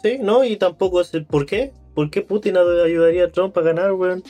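A man's voice: sits high, normal speed, dark tone, faint music behind. A young man with a Chilean accent in a casual podcast chat, crude and joking, laughing often. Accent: Chilean Spanish.

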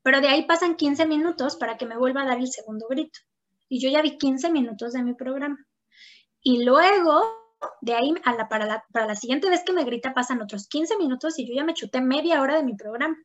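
A talkative woman appears as a psychologist guest, explaining things conversationally with anecdotes, acting out the voices of people she quotes, and tacking on "¿no?" often. Her voice is high and somewhat bright, captured with dull, lo-fi sound.

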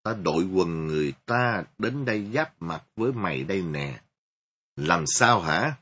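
A man putting on an enraged middle-aged mother in a storybook reading, her husky voice climbing high and loud as she hurls scolding abuse. The pitch swings widely, and the whole recording sounds muffled and lo-fi. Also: very animated, measured pace, exaggerated voice. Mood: furious scolding. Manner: shouting harsh scolding. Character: furious mother of a pregnant young woman, scolding. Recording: dull lo-fi recording.

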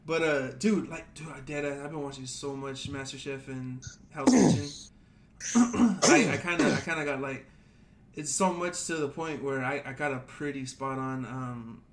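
A man's voice: medium pitch, moderate pace, a loud crowd. A young man co-hosting a podcast in casual chat, talking in a rambling, laid-back way full of slang and fillers. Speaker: podcast co-host.

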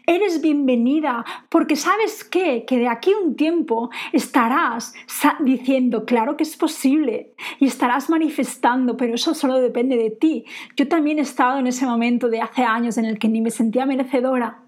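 High-voiced woman podcast coach. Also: moderate pace. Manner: earnest, encouraging, repeats phrases for emphasis. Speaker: podcast host and coach for women entrepreneurs. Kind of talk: motivational podcast monologue.

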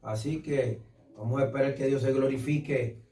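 Brief: male evangelist, dark mellow voice, churchy phrasing, echoey room, distant mic. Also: medium pitch, steady tone, normal speed. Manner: tag questions, churchly phrasing. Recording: roomy sound, distant mic.

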